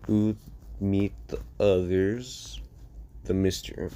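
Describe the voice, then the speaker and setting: Young guy rambling thru a fan story, deep mellow voice, unhurried. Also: slight background noise. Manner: rambling, many fillers and restarts. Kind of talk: casual fan-fiction storytelling.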